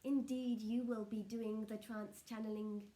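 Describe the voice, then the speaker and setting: A woman speaking as a trance channelling seance medium, solemn and measured, delivering spiritual messages in short halting phrases. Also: on the high side, little pitch movement, warm tone.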